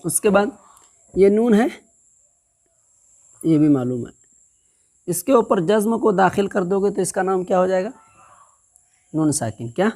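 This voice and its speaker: A woman's voice: mid-range voice, animated, warm tone. A woman teaching Quran reading step by step, patiently spelling out syllables and checking that the learner understands. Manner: patient, repeats syllables slowly and asks "understood?". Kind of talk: step-by-step recitation lesson.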